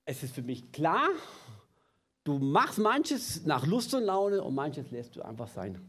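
A male preacher voicing a weary, grudging biblical woman who gives in half-joking, in a lower voice than his own. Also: very animated, a little slow, a bit bright, breathy edge, full character voice. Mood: resigned.

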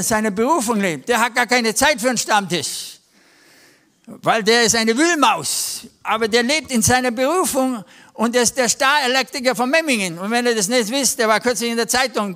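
A man's voice: very high-pitched, bright, forceful tone. A man preaching at a church service, telling everyday stories in a conversational way and acting out the voices of the people in them. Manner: storytelling, conversational, acts out quoted voices. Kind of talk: lively sermon with anecdotes.

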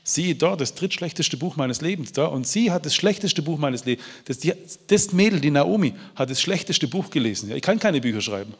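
A man's voice: a little high, lively intonation, brisk, hardly any pauses, breathy edge. Heartfelt male preacher in a reverberant hall. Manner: heartfelt, pleading, with frequent restarts and stammered repeats. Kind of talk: emotional testimony and preaching.

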